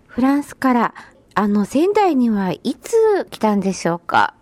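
A woman's voice: a little high, big pitch swings, measured pace, a little mellow, dry recording. A woman hosting a radio interview show, formal, courteous and encouraging as she asks her guest questions. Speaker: radio host.

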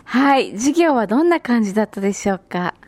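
A woman's voice: fairly high pitch, expressive, a little fast, darkish tone. A woman hosting a radio interview show, formal, courteous and encouraging as she asks her guest questions. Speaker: radio host.

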